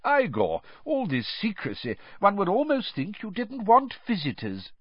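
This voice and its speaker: A man's voice: sits high, wildly swooping pitch, a little slow, slightly rough, dry recording, highs cut off, voice pushed up, heavily acted. A man voicing a genial old male wizard headmaster who talks in an amiable, playful, rambling way.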